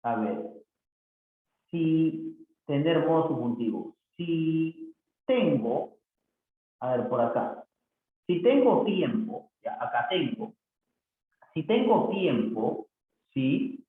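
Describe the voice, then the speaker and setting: A man's voice: a little high, sing-song, slow pace, long pauses. A man teaching a recorded grammar lesson, reading exercise sentences aloud and repeating them corrected, often checking in with tag questions. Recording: tinny phone-like, very echoey, faint hiss.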